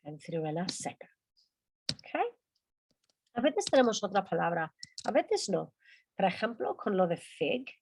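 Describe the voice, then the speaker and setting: Woman, language teacher, unhurried delivery, animated pitch, repeats words as drills. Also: noisy background. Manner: drills words by repeating them slowly, then explains. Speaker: English teacher. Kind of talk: online language class.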